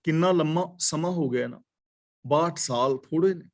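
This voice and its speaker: A man in his sixties explaining scripture in a slow, measured way, repeating phrases as he teaches. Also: fairly high pitch. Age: 60s. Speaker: katha preacher. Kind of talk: scripture exposition.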